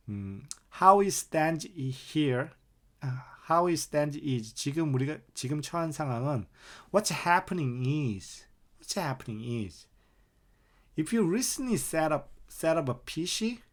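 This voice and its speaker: Male English teacher, measured delivery, slows right down on example sentences. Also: medium pitch. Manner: explains in Korean, reads English examples slowly and deliberately. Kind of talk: online English lesson.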